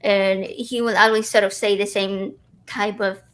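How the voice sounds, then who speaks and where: A woman's voice: mid-range voice, flat delivery, measured pace, a bit bright, low-quality recording. A woman in casual conversation, chatty, talking in loose sentences full of "like" and restarts. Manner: chatty, many likes and restarts.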